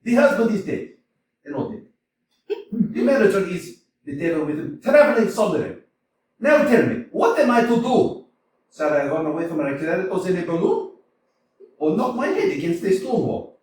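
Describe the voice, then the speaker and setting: Playing Smirnov, the blustering landowner hounding a debtor, a community-theater actor rants through a staged reading, his exclamations swinging between mutters and shouts. His high, sing-song voice moves at a moderate pace with long pauses. Captured from far off on a small, echoey stage, the audio carries a faint hiss.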